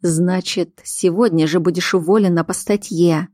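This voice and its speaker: A woman's voice: on the low side, fairly even intonation, normal speed, warm tone, no echo, studio quality, lightly acted. A woman reading the part of a domineering male werewolf pack leader, curt and commanding in an audiobook. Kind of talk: audiobook character voice.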